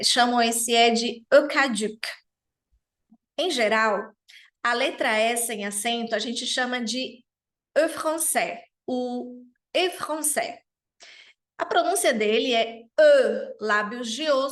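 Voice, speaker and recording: A woman with a high voice teaches a pronunciation lesson at an unhurried pace. She articulates every word with care and repeats it so learners can copy her. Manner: articulates each French word slowly and repeats it. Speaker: French teacher.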